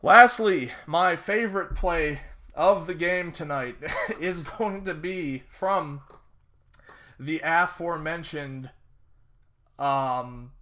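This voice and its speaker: A young man talks through his daily fantasy baseball picks in a loose, rambling way, full of fillers and dry sarcastic asides. His voice is bright and forward, sitting a little higher than most men's. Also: slow pace. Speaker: fantasy sports analyst. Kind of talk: casual solo sports-betting breakdown.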